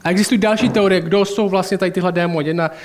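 A man's voice: high-pitched, steady tone. A man preaching a sermon in a colloquial, chatty way, mixing in personal anecdotes and asides.

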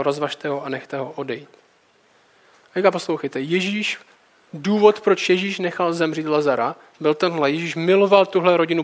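High-voiced man preaching. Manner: reads scripture, then comments casually. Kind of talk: sermon with Bible reading.

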